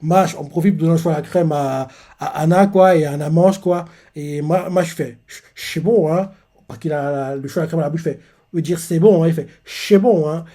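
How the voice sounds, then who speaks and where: A man's voice: a little high, moderate pace, dark tone. A man recapping a manga chapter live, panel by panel, with frequent hesitations. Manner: hesitant, full of "euh", narrating panel by panel. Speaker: manga reaction youtuber.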